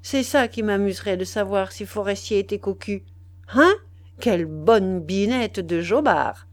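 A woman's voice: on the low side, very animated, takes it slowly, darkish tone, dry recording, heavily acted. A woman reading the lines of a jealous young husband who keeps pressing and teasing his wife, in a storybook reading. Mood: insistent, teasing. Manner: coaxing, pressing, mocking.

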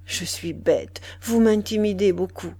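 A woman voicing a young man who is a bold but awkward suitor to his new wife, speaking low and hushed, at times close to a whisper, in a slow storybook reading. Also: slightly rough.

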